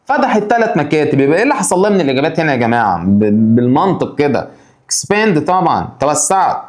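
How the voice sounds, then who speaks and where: An Egyptian man teaches English vocabulary for an exam. His voice rises and falls in a lively way as he fires questions straight at his students. The sound is roomy, with a noticeable echo. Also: fairly high pitch. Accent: Egyptian Arabic. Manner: addresses students directly with quick rhetorical questions. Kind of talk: exam-prep lesson explaining vocabulary.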